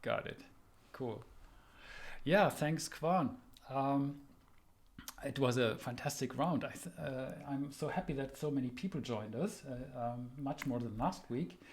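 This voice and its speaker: A man hosting a casual live talk, relaxed and unhurried, often pausing with "um". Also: mid-range voice. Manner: relaxed, many "um" fillers. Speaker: host.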